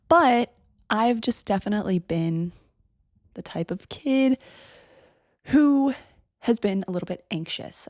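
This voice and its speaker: A woman in her twenties hosts a casual solo podcast in a fairly low, slightly mellow voice with vocal fry, sounding a bit congested. She's chatty and rambling, captured on a desk microphone with clean studio sound and no room noise.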